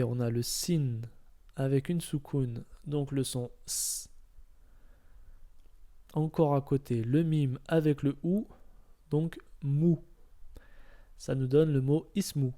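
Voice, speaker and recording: Man, very dark mellow voice, patient teacher, repeats each step, checks understanding. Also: mid-range voice, slow pace, pauses often. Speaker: Arabic reading teacher. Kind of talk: step-by-step lesson.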